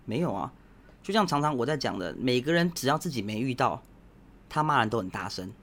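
A man's voice: medium pitch, expressive, fairly quick, a bit bright. A man with a Taiwanese Mandarin accent, hosting a podcast as a casual opinion monologue, blunt and provocative as he lectures his listeners directly. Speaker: podcast host.

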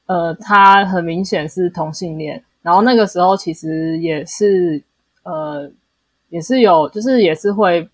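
A husky, low-leaning female voice with a Taiwanese Mandarin accent takes her time as she co-hosts a relaxed podcast about books. Her explanations come out hesitantly, full of self-corrections and repeated affirmations, and the recording has no room sound.

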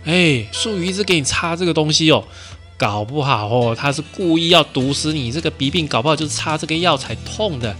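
A man's voice: on the high side, animated, brisk, fairly bright tone, faint music behind, pitched above the performer's own voice. A man voicing a sly, scheming male bandit sidekick in a storytelling podcast. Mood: insinuating.

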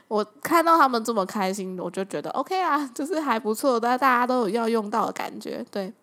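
A young woman with a Taiwanese Mandarin accent, hosting a casual chat and telling stories in a lively, chatty way. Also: on the high side, normal speed. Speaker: podcast host.

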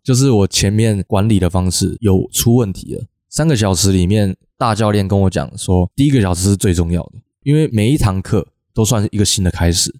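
一个带台湾口音的年轻男子，以轻松闲聊的方式，快速生动地讲述自己当排球教练的经历。. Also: male voice, on the low side, dry recording, studio quality. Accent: Taiwanese Mandarin. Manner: fast storytelling, animated quoted scolding. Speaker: podcast co-host, youth volleyball coach. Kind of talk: casual chat.

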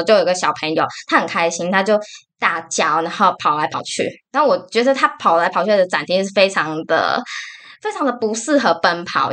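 A young woman with a Taiwanese Mandarin accent, co-hosting a casual podcast. She rants in an animated, exasperated way, full of fillers. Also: on the low side. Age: young adult. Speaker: podcast co-host.

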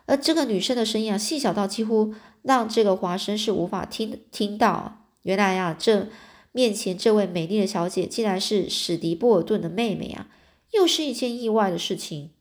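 A woman's voice: mid-range voice, normal speed. A woman casually retelling a storybook aloud, chatty and stopping to explain words for her listeners.

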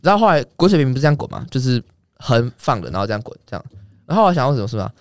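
A man's voice: mid-range voice, dry recording, clean studio sound. A young man, telling a story in a casual chat, swearing freely as he talks. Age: young adult. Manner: rapid, swearing, animated anecdote telling. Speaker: guest.

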